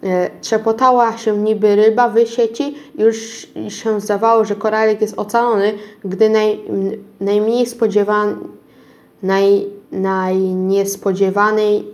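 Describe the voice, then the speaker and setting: A woman's voice: medium pitch, flat delivery, slow pace, a little mellow. A woman reading a children's story aloud, often stumbling over words and starting them again. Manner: unpolished reading with frequent stumbles and restarts. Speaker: reader of a children's book.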